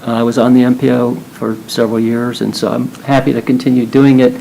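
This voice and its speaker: A man chairing a board meeting, running nominations and votes in a polite, procedural, unhurried way. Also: mid-range voice, flat delivery, gravelly, dark tone, a little hiss or hum, low-quality recording.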